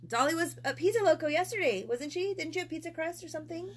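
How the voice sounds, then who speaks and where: A woman co-hosting a casual live-stream chat, telling stories in a gushing, animated way. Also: very high voice, fast talker. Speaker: co-host.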